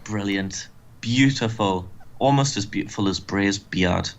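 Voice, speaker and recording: A man's voice: on the low side, a little slow. A man hosting a let's play, giving casual, joking commentary on a wrestling game. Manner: joking, wry.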